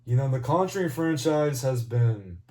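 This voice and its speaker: A man rambling through a casual, profanity-laced movie review, swinging between excited and mumbling. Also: medium pitch, normal speed. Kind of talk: casual video commentary.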